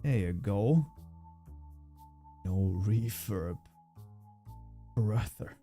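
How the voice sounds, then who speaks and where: A man livestreaming, talking playfully and drawn-out through a heavy cave-like reverb effect on his mic. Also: fairly low pitch, expressive, warm tone, soft background music. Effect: heavy cave-like reverb added to the mic. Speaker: livestreamer coding a game mod. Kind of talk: casual livestream chat.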